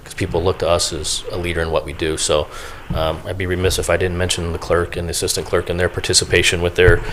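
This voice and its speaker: A man with a very low voice offers thanks at a county meeting, stopping and restarting as he searches for words. His delivery stays informal and a little halting. Faint room noise runs underneath. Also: flat delivery, a bit bright, poor audio. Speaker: county official. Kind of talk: meeting remarks.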